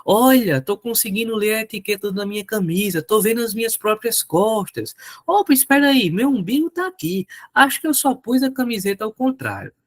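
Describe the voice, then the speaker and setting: A man voicing a panicked young boy from a comic strip, crying out in shrill, breathless bursts. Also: sing-song, a little fast.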